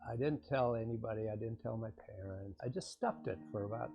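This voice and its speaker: An elderly man in his eighties giving a halting, hesitant personal testimony, heard with a dull lo-fi sound under loud guitar music. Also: fairly low pitch, vocal fry. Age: 80s. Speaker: testimony speaker.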